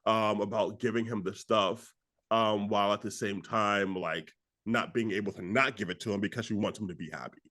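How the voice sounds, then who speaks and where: A young man, low-voiced and casual, co-hosts a podcast about films. He rambles through his points, stacking "like" and restarting sentences as he goes. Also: moderate pace. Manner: rambling, heavy use of "like", animated retelling. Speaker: podcast co-host. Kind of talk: casual film discussion.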